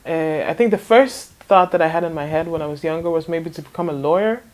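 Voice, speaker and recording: A woman in her twenties from Denmark answers interview questions in a relaxed, casual way. Her voice sits fairly low for a woman. She hesitates often, restarts her sentences and laughs lightly between thoughts. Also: quick pace. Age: 20s. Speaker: interview guest, fashion designer.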